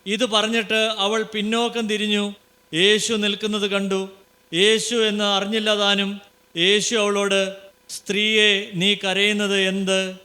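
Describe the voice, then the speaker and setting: A man reads scripture aloud in a high, bright voice. The reading stays flat and level, one verse after another, steady and unhurried. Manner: steady, even read-aloud delivery. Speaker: scripture reader.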